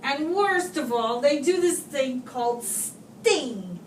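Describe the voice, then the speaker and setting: A woman with a high-pitched voice reads a children's picture book aloud like a teacher, pausing for young listeners and phrasing expressively and deliberately. The distant-mic room recording is roomy, with clear background noise.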